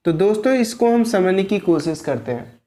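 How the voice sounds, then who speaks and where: A man's voice: high-pitched, animated, moderate pace, warm tone. A man teaching an English grammar lesson, who keeps asking and answering his own questions and repeating key words for his viewers.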